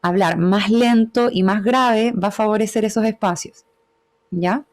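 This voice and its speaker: Speaking a little slowly at medium pitch, a woman leads a webinar on communication via video call, patiently explaining and regularly adding short tag questions to check in.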